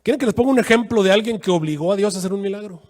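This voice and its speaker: A man preaching a sermon as pastor, acting out quoted voices with sudden jumps in pitch. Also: rapid-fire.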